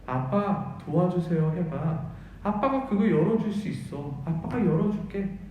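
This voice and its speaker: A man's voice: high voice, expressive, normal speed, heavy reverb, dull audio, a little hiss or hum. A male pastor preaching a sermon, earnestly asking the congregation rhetorical questions. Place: church sanctuary.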